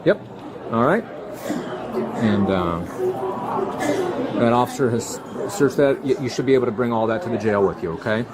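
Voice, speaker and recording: A male police officer calmly and haltingly explaining procedure during an arrest, recorded on a body camera. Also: mid-range voice, over a noisy crowd. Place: busy airport terminal. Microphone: body-worn camera. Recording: noisy crowded bodycam audio.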